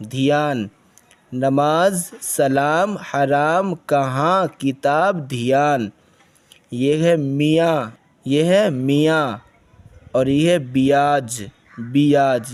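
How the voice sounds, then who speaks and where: A man teaching beginners to read, going letter by letter and saying each word again and again. His voice sits at an ordinary middle pitch, and the delivery is slow and steady like a classroom drill. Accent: Indian Urdu. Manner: slow, repeats each word several times, sounds out letters. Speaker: Urdu reading teacher. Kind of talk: spelling out words for beginners.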